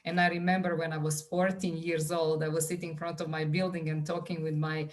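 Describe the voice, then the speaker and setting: Earnest low-voiced Serbian woman in her forties. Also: level tone, fairly quick. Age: 40s. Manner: earnest, with frequent fillers and restarts. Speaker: guest, holistic wellness coach. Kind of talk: conversational podcast interview.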